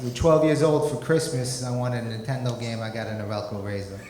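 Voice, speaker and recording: A man's voice: medium pitch, steady tone, brisk, heavy background noise. A man performing a stand-up comedy set on a club stage, talking conversationally into a handheld microphone. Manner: conversational, peppered with "you know". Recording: roomy club recording, loud audience laughter.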